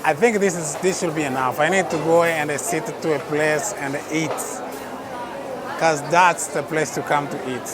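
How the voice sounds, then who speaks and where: This travel vlogger from Texas speaks at a moderate pace in a voice on the high side, narrating casually as he walks through an outdoor night food court and frequently marvels aloud. The recording is noisy, full of the crowd chatter and traffic of a busy street market.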